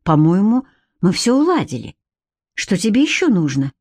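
A woman's voice: medium pitch, sing-song, normal speed, a little mellow, no room sound, studio quality. A woman reading the part of a proud, fiery young captive who answers her master with indignant outbursts. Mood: defiant.

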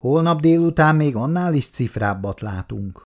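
A blunt factory foreman grumbles orders, as a man reading the book puts him on. His pitch rises and falls a lot. It is a storybook reading. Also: animated. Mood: bossy. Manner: gruff and commanding. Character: middle-aged male foreman, blunt and bossy. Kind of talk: reading a novel aloud.

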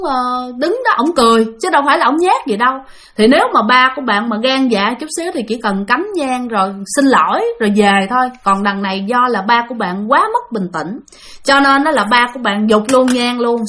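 A woman's voice: a little high, fairly bright tone. A woman telling a ghost story in a chatty, filler-heavy way, talking straight to her listeners. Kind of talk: casual spoken ghost story.

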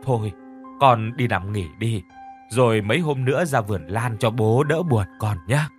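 A man voicing a middle-aged father, gruff and scolding, who is grieving his dead wife in a spoken horror story. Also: mid-range voice, moderate pace, soft background music, close to an everyday voice. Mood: consoling.

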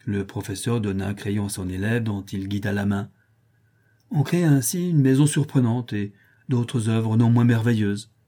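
A man reading a novel aloud in a measured, steady audiobook narration. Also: lowish voice.

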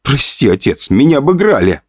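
A man voicing a spoiled young nobleman who whines, sulks and shouts back at his father. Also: mid-range voice, very animated, a little fast, muffled recording, pitched above the performer's own voice. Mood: resentful. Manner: whiny, defensive, shouting. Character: spoiled young male heir, whiny and resentful.

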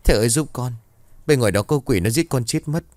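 A man's voice: medium pitch, fast, darkish tone, no room sound, clean studio sound, voice pushed up, lightly acted. A man voicing a frightened middle-aged woman begging a shaman for help in a spoken ghost story. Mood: pleading. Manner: pleading, panicky.

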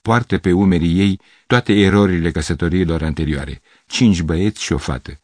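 A man voicing a polite, faintly amused young man who calmly corrects the other person. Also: low-pitched, no room sound. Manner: calm, measured, politely correcting.

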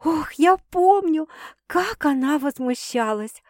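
A woman reading aloud puts on a flustered young woman confessing to her sister, sardonic and quick to swear. The voice sits fairly high and dry, close to the mic. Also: expressive, darkish tone, no echo. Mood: rattled. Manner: exasperated, sardonic retorts with profanity. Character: young woman Sasha, rattled, sardonic and embarrassed.

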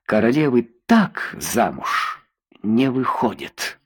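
A man's voice: mid-range voice, big pitch swings, measured pace, slightly rough. A man voicing a proud, suspicious young queen in an audiobook, speaking coolly and sharply. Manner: cool and sharp.

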